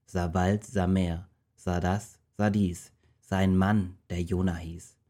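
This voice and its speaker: A man tells a Bible story in rhymed verse. His reading is steady and rhythmic, in a lowish, mellow voice. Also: takes it slowly.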